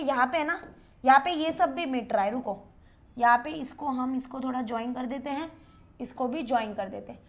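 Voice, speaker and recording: A woman's voice: sits high, a bit bright. A woman teaching a math lesson at a board, counting aloud, mixing in English terms and quizzing the class. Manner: mixes English terms into her talk.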